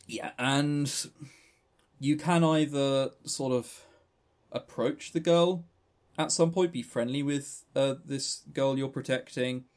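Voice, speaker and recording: A man co-hosting a podcast casually reviews a game, retelling its story in a rambling, chatty way full of stammering restarts. His voice sits in the mid range with a darkish, clear, resonant tone.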